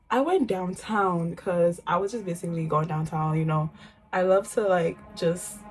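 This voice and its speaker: A young woman from New York chatting casually while getting ready, telling stories with lots of slang. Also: fairly low pitch. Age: young adult. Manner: chatty, animated storytelling with slang. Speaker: vlogger.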